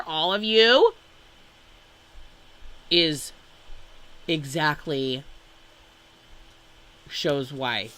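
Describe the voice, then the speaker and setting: A woman talking casually to her viewers as she reads out a long list of names and titles. She goes slowly and with a bright, forward tone. Between names she drops exasperated asides and sighs. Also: on the low side, slight background noise. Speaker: vlogger reading a family-tree list. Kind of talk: casual commentary while reading aloud.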